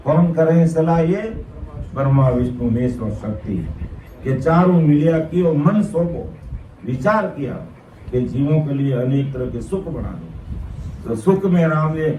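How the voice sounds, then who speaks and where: A man's voice: mid-range voice, animated, normal speed, dark tone, slight background noise. A man giving a devotional sermon at a gathering, quoting verses and explaining them with repeated, emphatic phrases. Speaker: satsang preacher. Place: satsang hall gathering. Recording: echoey room, distant mic, faint ambience.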